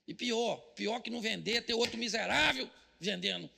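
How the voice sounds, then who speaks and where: A man with a Brazilian Portuguese accent, a pastor giving a comedic sermon at a business event, joking loudly and mimicking people praying. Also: sits high, moderate pace, vocal fry, big-room sound.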